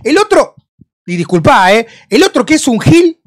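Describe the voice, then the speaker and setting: A man in his thirties speaks with a Rioplatense Argentine accent. He rants in a streetwise, swearing way, and his pitch swings widely from low to high as he talks. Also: normal speed. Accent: Rioplatense Spanish. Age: 30s. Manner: animated, swearing, streetwise rant with acted quotes. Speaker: interview guest, freestyle rapper. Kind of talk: heated casual interview talk.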